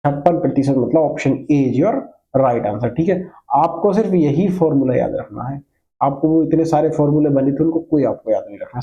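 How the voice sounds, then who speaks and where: A man's voice: fairly high pitch, mellow, muffled recording. A man teaching math to a class, explaining each step patiently, asking questions and repeating key points, mixing in English terms. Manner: mixes Hindi with English terms.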